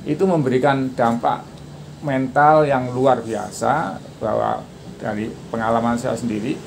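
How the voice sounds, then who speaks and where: A man in his sixties, a podcast guest, talking casually and shouting out drill counts now and then. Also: mid-range voice, steady tone, measured pace, creaky. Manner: shouts out karate counts when demonstrating. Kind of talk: casual interview. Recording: noisy background.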